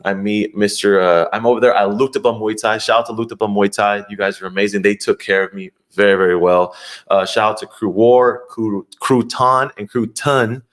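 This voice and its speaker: A man's voice: fairly low pitch, steady tone, fairly quick. A young man, a fighter guest on a podcast, telling a long story in an earnest, heartfelt way, often restarting his sentences. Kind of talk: casual storytelling interview.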